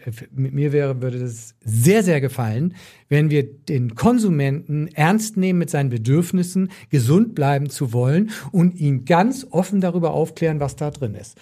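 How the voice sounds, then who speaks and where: A man's voice: a little high, dark tone. A man explaining as an expert in podcast conversation, emphatic and opinionated, repeating points for stress. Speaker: nutrition doctor, podcast expert.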